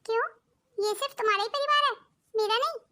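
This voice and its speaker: A woman's voice: extremely high pitch, quick pace, pushed and bright. A woman voicing a thrifty elder daughter-in-law in a cartoon, speaking in a sensible, matter-of-fact way. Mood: calm.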